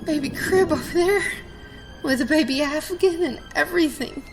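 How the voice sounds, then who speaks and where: A woman's voice: high-pitched, moderate pace, creaky, soft background music, low-quality recording. An actress playing a frightened young woman who has inherited a house, shaky and near tears, in an audio drama. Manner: shaky and anxious, crying at times.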